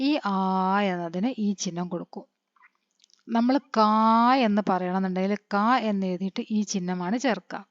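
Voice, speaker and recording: A woman, teaching a patient lesson and spelling letters out slowly, quizzing her pupils as she goes. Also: mid-range voice, fairly even intonation, darkish tone, no echo. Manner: patient, asks the children questions and answers them. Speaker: Hindi teacher. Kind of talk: classroom-style lesson. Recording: dry, dull lo-fi recording.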